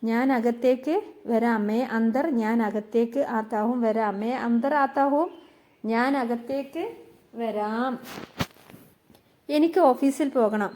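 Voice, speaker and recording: A woman gives a patient language lesson, speaking very slowly and repeating each phrase before explaining it. Her voice sits fairly high but has a soft, mellow tone. She sounds calm and unhurried throughout. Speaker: language teacher. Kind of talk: slow spoken-language lesson.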